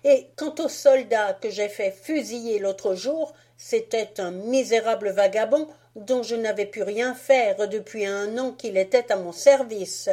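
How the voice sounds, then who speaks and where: Fritz, a woman playing a swaggering bossy boy. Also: on the high side. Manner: loud, swaggering.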